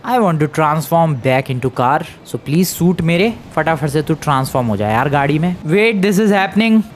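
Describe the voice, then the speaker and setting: A young man giving excited game commentary, exclaiming often and mixing in English phrases. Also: fairly high pitch, slow, a little hiss or hum. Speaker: gameplay commentator.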